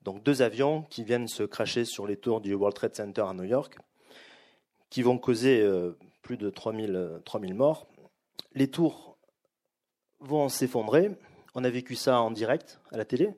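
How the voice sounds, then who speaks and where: A middle-aged man giving a public lecture to a live audience, explaining in a measured, hesitant way with frequent pauses and restarts. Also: medium pitch, warm tone.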